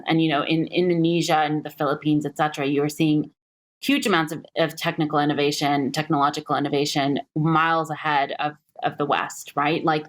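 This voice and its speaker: Low-voiced woman investor, unhurried. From Singapore. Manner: reflective, many "um" pauses. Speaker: investor guest. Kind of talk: podcast interview.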